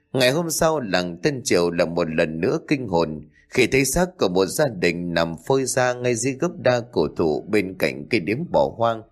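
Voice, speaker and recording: Low-voiced man narrating a horror story. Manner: expressive storytelling. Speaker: audiobook narrator.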